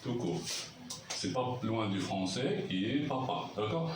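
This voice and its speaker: A man's voice: medium pitch, expressive, a little slow, over music. A man teaching a language lesson at a board, patiently repeating sounds and checking that everyone follows. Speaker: Arabic teacher. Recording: roomy echo, mic far off, faint noise.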